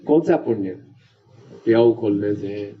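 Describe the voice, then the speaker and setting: A man's voice: fairly low pitch, slow. Man preaching in a chatty, questioning way. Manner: conversational, checks understanding with the audience. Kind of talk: devotional lecture. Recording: dull lo-fi lecture recording.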